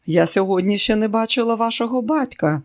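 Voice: mid-range voice, fairly quick, pitched above the performer's own voice, close to an everyday voice. A reader voicing a controlling, scheming rich matriarch in an audiobook, speaking dryly and politely. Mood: cool. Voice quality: dry, pointed. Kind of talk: audiobook character reading.

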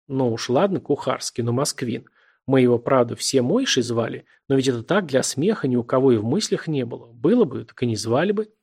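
An earnest, naive young man, easily startled and quick to get excited, as a male narrator puts him on. The reading keeps a gravelly, slightly husky texture. A literary audiobook figure with an innocent, impassioned way of talking. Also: medium pitch. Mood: bewildered.

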